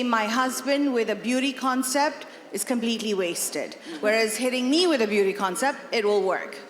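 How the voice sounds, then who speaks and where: A woman panelist giving confident, emphatic advice on stage at a forum. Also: on the high side. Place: large conference hall. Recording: echoey hall, long reverb.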